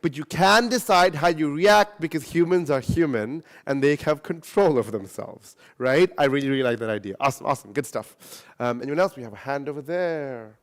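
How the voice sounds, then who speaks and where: A man speaking at a convention panel, answering audience questions in an animated, casual way and often adding tag questions. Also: a little high, fairly quick. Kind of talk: casual Q&A talk. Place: convention hall.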